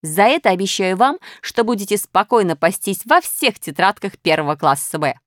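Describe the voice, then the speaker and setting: A woman's voice: mid-range voice, lively intonation, moderate pace, no echo, clean studio sound, natural voice. A woman reading a storybook aloud and voicing Minus, a sly, scheming male character with an unpleasant, wheedling voice. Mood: commanding.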